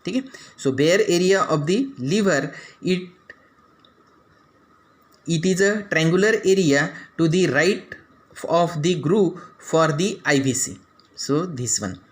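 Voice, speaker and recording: A man's voice: fairly high pitch, unhurried. A man with an Indian English accent teaching anatomy, pointing out parts on a model step by step, with frequent "that is" and "after then" phrasing. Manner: explains step by step, pointing out structures. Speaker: anatomy lecturer.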